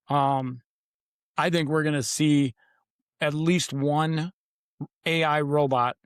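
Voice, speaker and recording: An author appearing as a podcast guest speaks conversationally yet emphatically, firing off short, punchy declarations with dramatic repetition. His voice is on the high side, captured in a dry, studio-quality recording.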